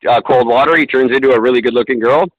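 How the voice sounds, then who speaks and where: A podcast co-host chats casually, rambling and poking fun at himself with lots of fillers and restarts. His voice is mid-range and he talks fast. The audio is narrow and tinny, with no room sound.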